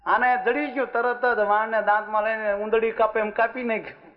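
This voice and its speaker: Casting: a lively male religious storyteller, high voice, muffled recording. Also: brisk. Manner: lively, asks the audience "understood?". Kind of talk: folksy sermon storytelling. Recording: muffled with faint music.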